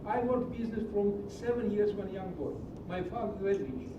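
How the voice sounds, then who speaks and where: Speaking at normal speed through lo-fi sound, a middle-aged man from Greece delivers a fervent, sermon-like public comment in broken English at a county meeting. The large meeting hall makes him sound distant and echoey, with a low rumble underneath.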